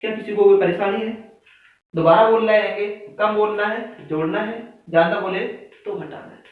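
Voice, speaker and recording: A man's voice: high-pitched, fairly even intonation, normal speed. A male maths teacher explaining a reasoning lesson, counting aloud step by step and asking his students questions. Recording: echoey room, far mic, phone-like sound.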